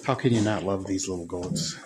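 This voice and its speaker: A man chatting casually while filming his goats in a barn, rambling slowly and sometimes cooing to the animals in a high voice. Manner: slow, rambling, talks to his goats in high baby talk. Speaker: goat farmer vlogger. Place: goat barn pen, indoors. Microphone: phone camera held by the speaker. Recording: noisy barn phone recording.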